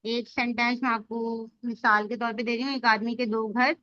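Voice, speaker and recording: A woman teaching Arabic grammar online goes through each rule patiently, questioning her students as she proceeds. Her high voice is pushed and bright, with a level tone and moderate pace, and it sounds dry, echo-free, and a little muffled.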